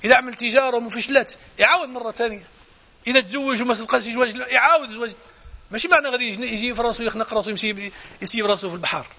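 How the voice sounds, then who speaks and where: A man with a Moroccan accent teaching a Quran exegesis lesson, explaining point by point, repeating phrases and slowing into measured recitation when quoting verses. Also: very high voice, pushed and bright.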